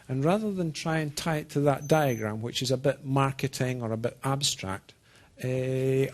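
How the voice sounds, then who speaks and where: A Scotland-born man with an accent that blends Scottish and American gives an informal technical presentation to a small audience as a software program manager. His mid-range voice is deliberate and halting, and he checks in with his listeners.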